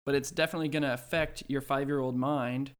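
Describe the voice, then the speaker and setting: A man's voice: mid-range voice, fairly even intonation, fast, clear, resonant tone. Young man musing in casual podcast chat. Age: early twenties. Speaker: podcast co-host.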